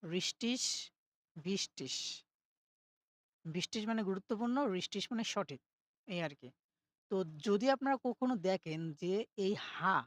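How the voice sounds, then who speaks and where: A woman's voice: fairly low pitch, no echo. A woman teaching German pronunciation in a self-study class, explaining each rule step by step and often checking that listeners follow.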